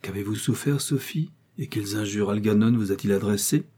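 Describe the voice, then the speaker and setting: A man reading the part of a strange rich older gentleman who questions gravely and courteously. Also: on the low side, a little fast.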